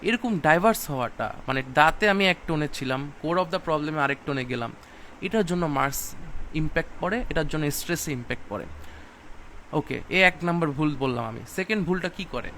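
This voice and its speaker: Man teaching exam prep, fairly high voice. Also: expressive, brisk, a bit bright, slight background noise. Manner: explains step by step, repeating himself, mixing in English terms. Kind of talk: recorded class lecture.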